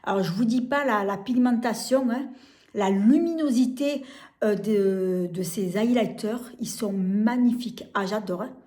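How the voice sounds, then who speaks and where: Slow, gushing French woman in an echoey room. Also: medium pitch, dark tone. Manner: hesitant, many fillers and repeated words; gushing, enthusiastic over products. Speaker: beauty vlogger. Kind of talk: casual product demo.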